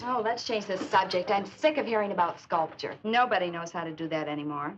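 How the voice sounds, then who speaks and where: A woman's voice: lowish voice, a little fast, a little hiss or hum, lightly acted. An actress playing a vain, haughty young beatnik woman and model, with sneering delivery in 1950s film style. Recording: dull 1950s film soundtrack, music behind.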